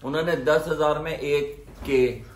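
A man, speaking as a guest in halting, earnest sentences. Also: a little high, steady tone, crowd noise. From Pakistan.

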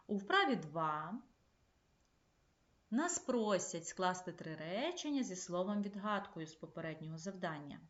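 Female primary teacher, remote lesson, measured delivery, roomy echo, slightly dull sound. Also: medium pitch. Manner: clear, measured classroom instruction. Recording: echoey, slightly dull room recording.

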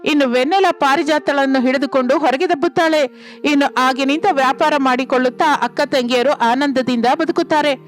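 A woman narrating a moral story in a steady storytelling manner. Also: high-pitched, fairly quick, soft background music.

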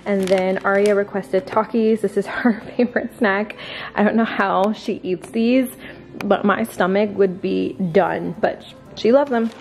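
A woman's voice: medium pitch, fairly even intonation, a little slow, darkish tone, soft background music. Chatty woman showing off her groceries. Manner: chatty, friendly, talks straight to viewers. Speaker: family vlogger. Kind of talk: casual grocery haul chat. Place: large home kitchen, indoors.

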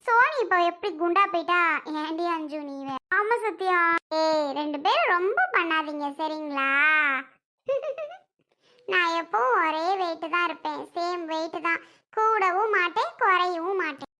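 Lady doing squabbly chatty aunties in a family skit, very high and bright, lots of exclaiming. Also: expressive, unhurried, exaggerated voice. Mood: teasing. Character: bickering, tearful women relatives at a family function. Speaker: performer voicing several women relatives.

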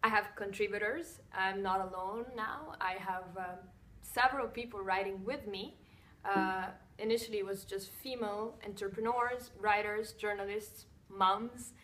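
Seated in a chair in a bright, wooden-floored room, a young Swiss woman from the Italian-speaking region takes fan questions to camera at an ordinary middle pitch, calm and measured, pausing with fillers to find words in slightly non-native phrasing. She grew up speaking Italian and Russian and works as a blogger and TV presenter. The camera sits a few feet away, with a faint hiss or hum in the recording.

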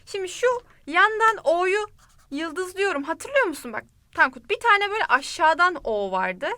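A woman teaches an online language lesson in a high, bright voice. She talks to the learner in a friendly, direct way and repeats each word slowly and clearly. The recording is dry and close. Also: very animated, no echo.

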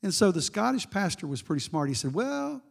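A man's voice: on the high side, expressive, fast talker, gravelly, slightly rough. A middle-aged man giving a sermon as guest preacher, telling a story with asides to the congregation.

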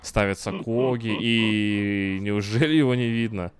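A man's voice: fairly low pitch, fairly even intonation, a little slow, faint music behind. A man giving play-by-play commentary on a video game match.

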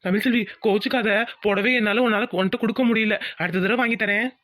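Woman doing a cartoon village husband, begging his wife, fast and earnest. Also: medium pitch, steady tone, a bit bright, lightly acted. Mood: tender. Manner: pleading, coaxing.

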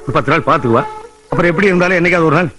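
A man's voice: on the high side, very fast, fairly bright tone, faint music behind, natural voice. An actor playing a talkative older grandfather with a Tamil accent, coaxing and scolding his son-in-law. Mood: pleading. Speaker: film actor.

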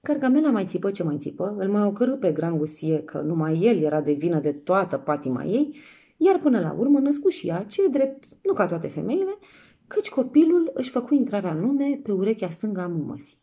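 A woman reading a classic tale aloud, playfully acting out the characters' shouts and sayings. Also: medium pitch. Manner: lively, playful, acts out voices and exclamations. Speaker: actress reading a book aloud. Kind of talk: expressive storybook reading.

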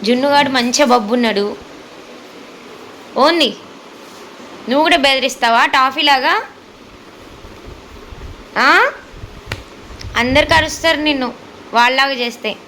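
A woman's voice: sits high, measured pace, pauses often, sharp tone, slight background noise, poor audio. A woman, playfully teasing and baby-talking to her dogs in a sing-song, coaxing way. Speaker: dog owner vlogger.

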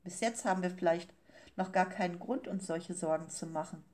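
A woman's voice: fairly low pitch, moderate pace, darkish tone, natural voice. A woman doing a chatty young storyteller man. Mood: soothing. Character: young male storyteller, talkative, evasive, easily startled.

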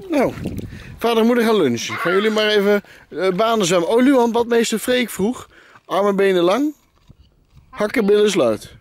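A man's voice: sits high, expressive, normal speed. A man in his thirties filming a casual family vlog at a campsite, bantering in a joking mock-announcer way. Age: 30s. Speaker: vlogging father. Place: outdoors at a campsite. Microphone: handheld camera behind the lens. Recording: background music under voice.

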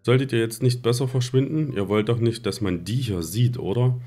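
A man's voice: mid-range voice, normal speed, mellow, voice pushed up, lightly acted. A man voicing a sneering, arrogant teenage boy wizard in a storybook reading, with a taunting, smug delivery.

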